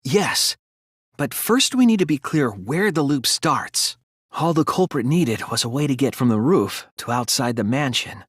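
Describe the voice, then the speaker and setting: A soft-spoken, earnest teen detective from an English-language video game delivers a focused, explanatory monologue while reasoning through murder cases. His medium-pitched, breathy voice is animated and rises and falls as he makes his analytical deductions deliberately and with dramatic emphasis. The recording is very dry with no echo.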